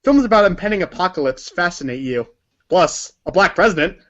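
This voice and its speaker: Narrating a scripted story addressed to "you," this man speaks in a fairly high voice with a fairly bright tone, animated and a little fast. His style is theatrical and emphatic, much like a read-along book, though the recording is slightly dull.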